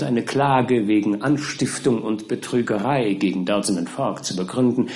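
A man voicing a shrewd middle-aged male lawyer, measured and earnest as he coaxes his client. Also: medium pitch, darkish tone, natural voice. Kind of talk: audiobook reading.

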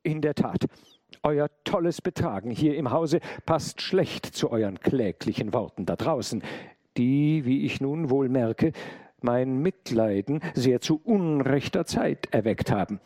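A stern, defiant housekeeper woman, as a male reader puts her on, with her voice lifted high and loud above his usual tone. She speaks firmly and commandingly, with a husky grain and a swooping, lively pitch. The sound is dry and close. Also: unhurried, no room sound. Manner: firm, commanding, rising to cries for help.

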